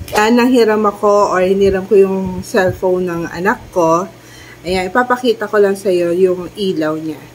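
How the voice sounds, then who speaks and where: There's a slight hiss or hum behind this chatty vlogger's mid-range voice, which moves at a moderate pace. Middle-aged, Filipino-accented and nasal with a cold, she guides viewers step by step through a home demo of a wireless clip-on mic paired with her phone, going from room to room.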